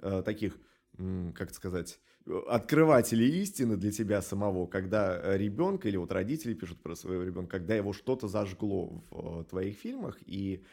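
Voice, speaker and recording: A man being interviewed as an animation studio director explains himself thoughtfully but haltingly, drawing out his hesitations. His low-pitched voice is expressive and creaky, with a darkish tone.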